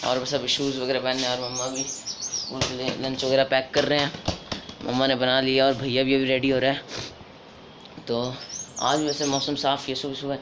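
A teenage boy with a slightly hoarse voice from a cold, recording a casual daily vlog on a handheld phone and speaking slowly and carefully. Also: mid-range voice, monotone, background noise. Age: teens. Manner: talks slowly and carefully on purpose. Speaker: vlogger.

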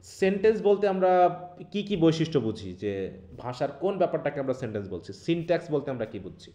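A man's voice: fairly high pitch, sing-song, fairly quick, mellow. A man with a Bangladeshi Bengali accent teaching an online English class, explaining step by step and keeping the students involved with questions. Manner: keeps checking in with students by asking questions. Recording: echoey room.

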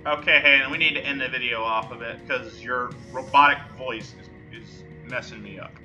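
A man's voice: medium pitch, moderate pace, faint music behind. A man hosting a gameplay video, chatting casually and speaking to his viewers. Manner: relaxed, chatty, addresses viewers. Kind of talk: casual chat.

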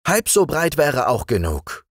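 A man voicing a timid, eager young frog king in a storybook reading, in a raised, excited voice. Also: a little high, a little slow, no room sound, studio quality, voice pushed up, full character voice. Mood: fretful.

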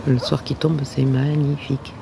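Strolling outdoors in a windy hilltop town, a middle-aged woman vlogs about her travels in an extremely low, level voice with vocal fry at normal speed. Slightly breathless from walking, she's chatty, hesitating often and laughing a lot, while loud wind hits the microphone.

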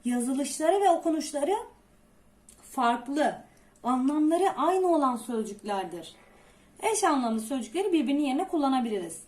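A woman teacher with a high voice takes a class through a lesson. She keeps asking rhetorical questions and then answers them herself. She spells out each point slowly and with stress. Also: darkish tone. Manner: asks many rhetorical questions; slow, stressed explanations. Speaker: Turkish teacher.

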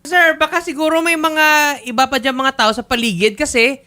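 A man's voice: very high voice, moderate pace, bright, forceful tone. A man hosting a public-service interview show, pressing his callers firmly but politely. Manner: firm, pressing questions, polite "sir" and "po". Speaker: host.

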